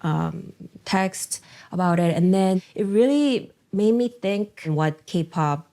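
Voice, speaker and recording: A woman's voice: medium pitch, slow, mellow. Thoughtful woman from Korea. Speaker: group founder. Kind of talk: interview.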